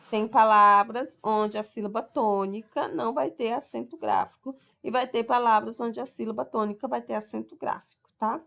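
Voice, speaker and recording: This Brazilian teacher's voice is fairly high, gravelly, and fairly bright as she records a lesson for sixth graders. She explains things one step at a time, draws out every example word slowly, and keeps asking "tá?" and "ok?".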